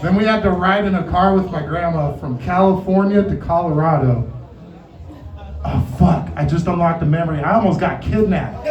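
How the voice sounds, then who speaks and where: A man's voice: a little high, moderate pace, crowd noise. A man telling stand-up stories at an open mic in a rambling, casual, sweary way, chuckling as he goes. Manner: chuckles through his own stories. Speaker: amateur stand-up comedian. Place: open mic venue with echo. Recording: muffled, echoey room, distant mic.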